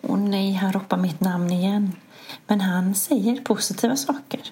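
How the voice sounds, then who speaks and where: A middle-aged woman hosts a podcast, sharing a personal story candidly and with self-mockery. She speaks in a soft, hushed way, her voice in the mid range.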